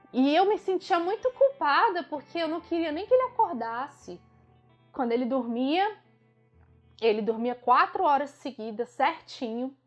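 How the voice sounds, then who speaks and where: A young woman from Brazil telling her own story of early motherhood, candid and emotional, often correcting herself mid-sentence. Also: on the high side. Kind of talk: personal storytelling. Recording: slightly dull recording with faint music.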